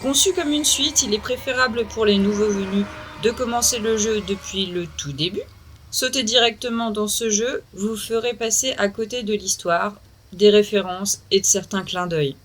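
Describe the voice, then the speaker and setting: A woman's voice: mid-range voice, moderate pace, noisy background. A middle-aged woman hosting and narrating a video game review. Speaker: video host. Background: music.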